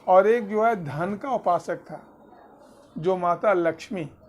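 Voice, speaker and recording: Slow-talking man telling children a story. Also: sits high, lo-fi sound. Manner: quizzes listeners mid-story; mixes simple English with Hindi. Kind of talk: spiritual story told to children.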